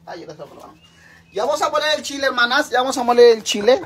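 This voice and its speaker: A woman's voice: high-pitched, animated, quick pace, a little hiss or hum. A middle-aged woman with a Mexican accent, hosting a crude, joking live-stream cooking chat from her home kitchen and calling her viewers sisters. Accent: Mexican Spanish.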